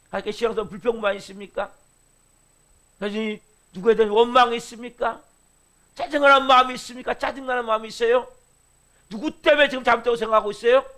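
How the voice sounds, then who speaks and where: A middle-aged man preaching with a high-set voice and a gravelly edge. He presses his congregation with question after question, and his voice climbs loud, then falls to hushed, low phrases. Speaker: pastor. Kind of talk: sermon at a dawn service.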